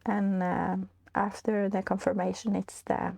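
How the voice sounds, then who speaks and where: Norwegian lady with a blocked-up nose chatting about knitting, slow, lots of ums, kinda gravelly, dry close sound. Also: mid-range voice, little pitch movement, no room sound. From Norway. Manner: hesitant, many fillers, soft laughs. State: stuffy, congested. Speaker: knitting podcast host. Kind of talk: casual chat.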